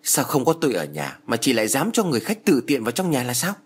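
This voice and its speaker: A man voicing a frightened elderly mother, talking in a shrill, quavering, exclaiming way. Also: big pitch swings, quick pace, breathy edge. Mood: fretful.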